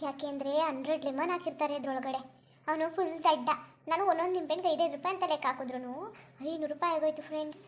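A woman's voice: high-pitched, fairly even intonation, fast talker. A woman with a Kannada accent chatting casually to viewers as the host of a cartoon channel.

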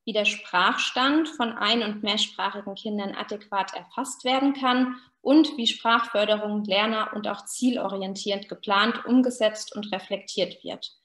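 Her voice is medium-pitched and a bit bright, and she talks at a measured pace with hardly any pauses. The thirtysomething researcher addresses listeners directly in an explanatory talk delivered over video call from a small room, with roomy, echoing webcam audio.

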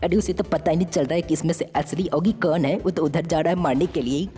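A woman's voice: deep voice, fast, natural voice. A woman voicing a cheerful, jokey young male sidekick in a fan-made game story. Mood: playful. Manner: jokey, excited, teasing. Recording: reverberant with faint music.

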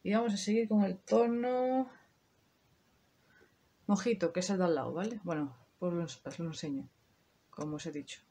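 A woman's voice: on the low side, moderate pace, long pauses, mellow, husky. Chatty Spanish woman doing her makeup. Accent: Spain Spanish. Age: 30s. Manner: chatty, talks straight to viewers, casual swearing. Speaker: beauty vlogger. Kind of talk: casual makeup tutorial chat.

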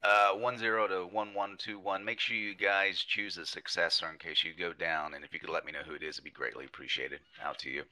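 A man's voice: low voice, steady tone, a little fast, few pauses, bright, forceful tone. A man acting as platoon leader in a military game, speaking in formal radio procedure.

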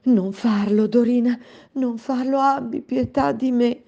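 A woman voicing a gentle, frightened young princess who begs for mercy. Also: on the high side, fairly even intonation, measured pace, vocal fry, dull audio, pitched above the performer's own voice. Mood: pleading. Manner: pleading.

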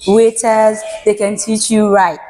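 A young woman working as a cashier answers interview questions in a shy, halting way. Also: medium pitch, level tone, mellow.

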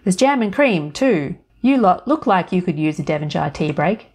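A woman's voice: fairly low pitch, expressive, moderate pace, breathy edge. A woman voicing a bubbly, cheerful young woman with a breezy, playful way of talking. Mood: perky. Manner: bright, playful, chirpy.

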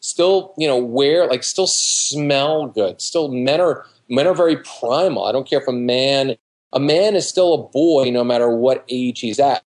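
A mid-range, darkish voice at a measured pace belongs to a dating coach in his fifties, an interview guest on a video call via his computer mic, indoors in his living room. He gives casual, colloquial advice with emphatic repetition and acts out quoted remarks.

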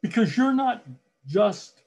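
Slow, husky man coaching speakers. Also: high-pitched, animated, a little mellow. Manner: slow, deliberate delivery with long pauses and repeated phrases. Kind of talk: motivational talk on public speaking.

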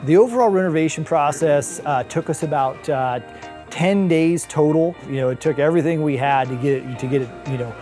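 Foundation guy, mellow warm tone, faint music. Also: a little high, a little fast. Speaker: foundation team member. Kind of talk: documentary interview. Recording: soft background music.

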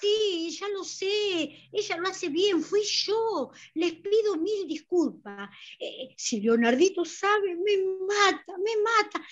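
A woman's voice: extremely high pitch, expressive, takes it slowly, hardly any pauses, muffled recording, full character voice. A woman playing a chatty elderly mother who rambles and pleads, with a Rioplatense Spanish accent, full of hesitant fillers. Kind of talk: amateur theatre play over video call.

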